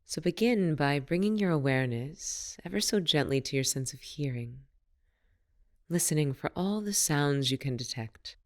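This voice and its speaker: With a deep, expressive voice, a woman guides a meditation as its teacher. Her instructions are soft, soothing, and unhurried.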